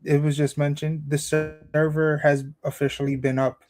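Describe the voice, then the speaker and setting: A man co-hosting a casual podcast chat, relaxed and agreeable, restarting his sentences as he goes. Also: fairly high pitch, moderate pace, over music. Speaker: podcast co-host.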